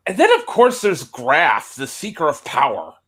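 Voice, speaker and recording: A man's voice: on the high side, huge pitch swings, normal speed, fairly bright tone. A man guest on a casual online podcast, talking eagerly as a fan and swearing casually.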